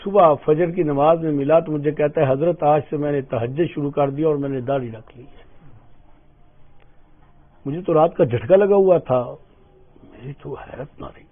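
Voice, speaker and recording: An older man preaching an emotional storytelling sermon, acting out the voices in his stories. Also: a little high. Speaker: Islamic preacher. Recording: tinny phone-like lo-fi sound.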